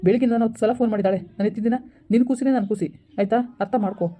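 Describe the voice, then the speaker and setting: A woman's voice: a little high, rapid-fire, mellow, lightly acted. A woman voicing a doting, protective young husband who speaks insistently, with a rural Karnataka Kannada accent. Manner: pleading then insistent, calls her baby.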